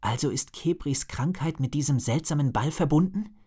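A man's voice: expressive, moderate pace, mellow, breathy edge. A man putting on a worried young girl's voice. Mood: earnest. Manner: pleading, higher-pitched storybook voice. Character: worried young girl dragon rider.

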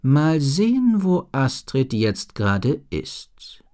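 A man reading a storybook and voicing a worried, wise female head sorceress who speaks slowly and gravely. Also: medium pitch, big pitch swings, pitched above the performer's own voice.

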